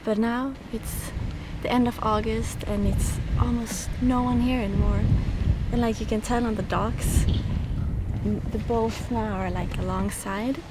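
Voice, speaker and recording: A woman's voice: fairly high pitch, measured pace, very noisy. A young woman with a Swedish accent, chatting casually about sailing for her vlog. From Sweden. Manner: relaxed, chatty, many fillers. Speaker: sailing vlogger. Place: sailboat cockpit and dockside outdoors.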